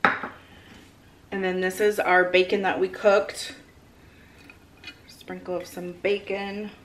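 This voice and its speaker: A woman's voice: medium pitch, level tone, slow. Casting: female home cook, thirties, mid-range voice, casual step-by-step instruction, kitchen noise behind. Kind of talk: casual cooking instruction to viewers. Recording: clear frying and kitchen noise. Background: sizzling food, stirring.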